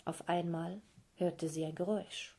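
Slow, lively woman storyteller. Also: fairly low pitch, gravelly, slightly rough. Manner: lively, addresses listeners directly. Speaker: storyteller for children. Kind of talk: storytelling to children.

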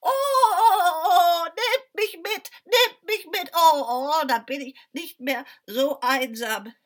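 Croaking scarecrow, shrill and loud, lonely and overjoyed, storybook figure. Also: female voice, takes it slowly, heavily acted. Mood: pleading. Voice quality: croaking, wailing.

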